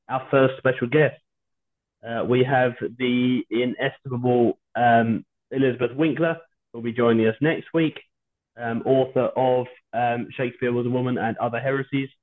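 British man podcasting over a tinny, low-quality stream. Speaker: podcast host. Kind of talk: casual chat. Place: at home, on a video call. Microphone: video call without his usual microphone. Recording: low-quality online stream, phone-like sound.

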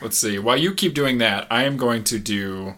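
A man's voice: medium pitch, normal speed. A man co-hosting a podcast in casual chat, reading reviews aloud and laughing often. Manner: laughs often, animated and giggly. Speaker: podcast co-host.

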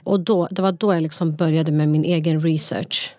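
A woman's voice: low voice, steady tone, a little mellow. A woman co-hosting a podcast, telling a personal story in casual talk and mixing in English phrases. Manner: storytelling, mixes in English phrases, many fillers. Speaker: podcast co-host. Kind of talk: casual conversation.

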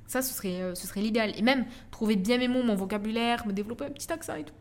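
A woman's voice: fairly high pitch, rapid-fire. A young French woman hosting a casual solo podcast, chatting in a slangy way with lots of fillers and repeated words. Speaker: podcast host. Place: at home in Dubai.

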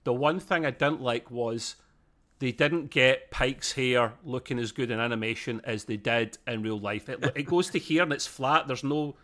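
A man's voice: medium pitch, normal speed, a bit bright. A man with a British accent co-hosting a podcast, chatting casually in a rambling, self-interrupting way. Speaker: podcast co-host. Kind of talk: casual review chat.

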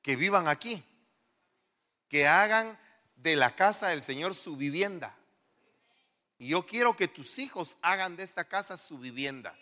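A middle-aged male pastor giving an animated sermon in a church, firing rhetorical questions at the congregation. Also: on the high side, a little slow, long pauses. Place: church hall. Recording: long church reverb.

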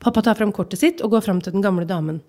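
A woman's voice: mid-range voice, darkish tone. Hesitant woman podcast host reading aloud. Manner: hesitant, many filler sounds. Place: library event before an audience.

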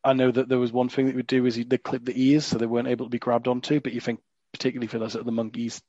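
A man's voice: medium pitch, monotone, very fast, warm tone, dry recording. A man hosting a podcast in casual, jokey chat, full of asides and fillers. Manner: chatty, jokey, frequent "you know" fillers. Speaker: podcast host. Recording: dull lo-fi dry recording.

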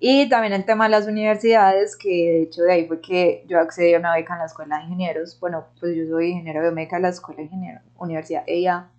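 A woman's voice: lowish voice, steady tone, fast, few pauses, a little mellow. Paisa colombian woman in her 30s chatting on a podcast, slangy and giggly, kinda dull lo-fi sound. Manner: slangy, laughs often, chatty. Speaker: podcast host. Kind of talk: casual chat.

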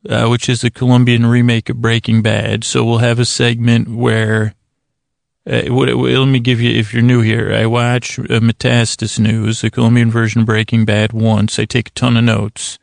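Speaking in a gravelly mid-range voice with little pitch movement, a man hosts a bedtime podcast and rambles on. He keeps stammering and restarting, halting his way into silly, self-deprecating digressions. The audio is studio quality with no room sound.

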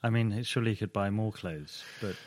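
A man's voice: on the low side, brisk, darkish tone. A man co-hosting a podcast, picking apart a song in a thoughtful, analytical way and steering the chat back on topic. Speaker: podcast co-host. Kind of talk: casual music review chat.

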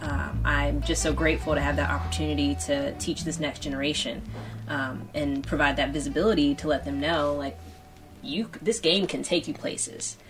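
A woman's voice: low-pitched, fairly even intonation, normal speed. A woman who coaches soccer, speaking with passion and enthusiasm as a podcast guest. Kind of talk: casual interview.

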